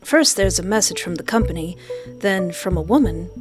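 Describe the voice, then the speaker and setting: Reading a visual novel aloud as she plays, a woman delivers the lines expressively and mixes in casual reactions. Her voice is lowish and expressive at a moderate pace, and music plays behind her.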